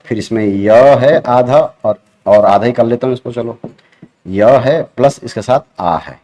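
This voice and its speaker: A man with an Uttarakhand accent teaches an exam-prep grammar lesson in an ordinary middle-pitched voice. He works through each point slowly, repeating key terms and asking the class questions as he writes on a board. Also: a little mellow.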